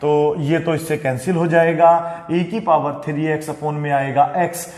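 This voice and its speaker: A man's voice: on the high side, flat delivery, unhurried, a little mellow. Patient male maths teacher, echoey room. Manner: patient, repeats "okay, beta" to students. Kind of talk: classroom maths lesson. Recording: echoey room with long reverb.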